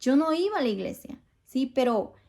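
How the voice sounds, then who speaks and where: Middle-aged woman, church testimony speaker: earnest and pleading, somewhat high voice with a gravelly edge. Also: very animated, normal speed, a little mellow. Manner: earnest, pleading, asks listeners for agreement. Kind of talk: spoken testimony to a congregation.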